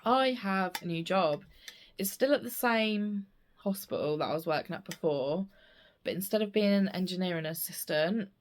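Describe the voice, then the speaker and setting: British woman chatting, missing-tooth speech, lowish pitch. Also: animated, moderate pace, a little hiss or hum. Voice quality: slight slur from a missing front tooth. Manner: chatty, rambling, self-interrupting. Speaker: stitching vlogger. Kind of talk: casual chat to camera about craft projects.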